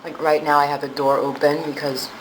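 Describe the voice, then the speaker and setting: A mukbang host chatting casually while eating, pausing to chew between phrases. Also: mid-range voice, level tone, low-quality recording. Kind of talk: casual eating vlog chat. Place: indoors at home with the door open. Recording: noticeable background noise, room ambience. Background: ambient noise, traffic from outside.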